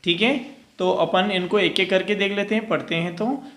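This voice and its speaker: A man's voice: high voice, normal speed, a bit bright, reverberant. A male teacher giving a grammar lesson, explaining step by step and answering his own questions.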